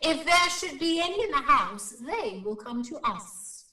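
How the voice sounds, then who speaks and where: Prim, high-voiced old lady investigator. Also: big pitch swings, measured pace, sharp tone, heavily acted. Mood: prim, earnest. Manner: prim, proper, politely correcting. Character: genteel, earnest elderly female paranormal investigator. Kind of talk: radio drama acting. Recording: echoing, distant-mic drama recording.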